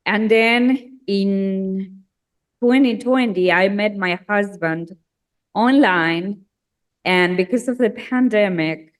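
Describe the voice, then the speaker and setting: Slow-talking, laughing Argentine-born woman. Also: medium pitch. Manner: chatty, laughs often, slow and unhurried. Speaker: singer-songwriter guest. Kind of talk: casual interview chat.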